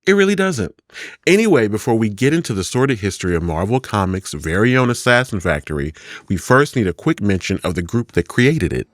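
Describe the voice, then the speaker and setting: A man co-hosting a scripted podcast, explaining things with dry, deadpan retorts. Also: lowish voice, a little fast, no room sound. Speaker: podcast co-host.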